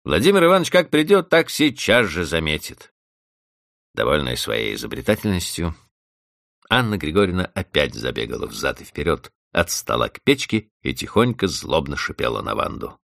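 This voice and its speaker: A very deep, gravelly male voice reads a classic tale aloud, rising and falling dramatically through the narration. The sound is close and dry, with no room around it. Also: moderate pace, dry recording. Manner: expressive, dramatic storytelling. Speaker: audiobook narrator. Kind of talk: classic story reading.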